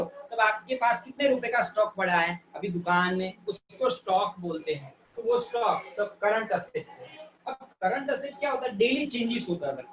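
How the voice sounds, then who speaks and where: A male teacher giving a live online class, repeating definitions slowly and quizzing students by name. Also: sits high, a little hiss or hum. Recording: echoey, distant, dull sound.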